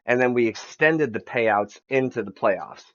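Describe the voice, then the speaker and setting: A man's voice: mid-range voice, measured pace. Rambling swearing man, lo-fi podcast. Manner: rambling, swears freely, repeats words. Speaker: fantasy league commissioner on a podcast. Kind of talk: casual podcast chat.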